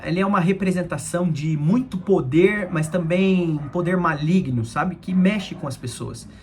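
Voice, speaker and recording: A man's voice: a little high, a little hiss or hum. A young man giving a conversational devotional talk, addressing his listeners as friends.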